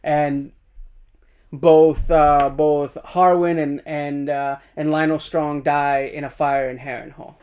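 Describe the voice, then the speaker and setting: Animated man recapping a TV episode. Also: fairly high pitch, slow pace, smooth. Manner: animated recapping, acts out characters' lines. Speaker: podcast co-host. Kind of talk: casual review chat.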